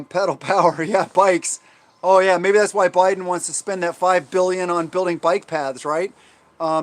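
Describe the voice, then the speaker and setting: An American man hosting a casual livestream, answering viewer comments in a halting, rambling way, often trailing off and restating himself. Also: fairly high pitch. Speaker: livestream host.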